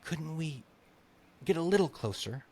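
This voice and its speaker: A man's voice: on the high side, animated, a little slow, dark tone, pitched above the performer's own voice. An author reading aloud, a man voicing a young, eager male squire who pleads earnestly. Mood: pleading.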